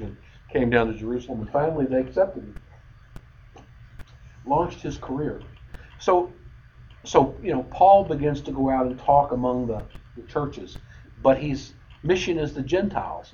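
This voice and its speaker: A man's voice: medium pitch, darkish tone. Guy rambling thru a bible history class, lots of ums, muffled lo-fi sound w faint noise. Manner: rambling, frequent fillers and restarts. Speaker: bible study teacher. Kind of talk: unscripted bible history lecture. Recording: dull lo-fi recording with faint noise.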